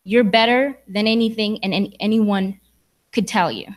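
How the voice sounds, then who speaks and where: A young woman from Sudan gives an earnest, encouraging speech to graduates in a church hall. As the graduation speaker, she talks at a moderate pace with a medium-pitched voice.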